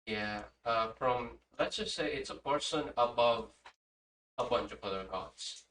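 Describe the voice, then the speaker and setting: A man playing in a tabletop game, summing up the story in a halting way with many pauses. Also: mid-range voice, fairly bright tone. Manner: halting, full of "uh"s. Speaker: player. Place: room at a live-streamed game table. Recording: roomy sound, distant mic, faint hiss.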